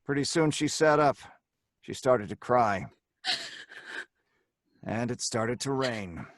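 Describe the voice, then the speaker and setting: A man acts the part of a mocking, brash criminal recounting his own story with slangy tough-guy talk, like a tense old-time radio drama. He speaks slowly at medium pitch with lively intonation, and the recording is dry.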